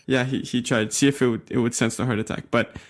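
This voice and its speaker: Young man from Canada, relaxed podcast co-host, mid-pitched voice, casual and unhurried. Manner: relaxed, easygoing, laughs along. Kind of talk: casual tech podcast banter.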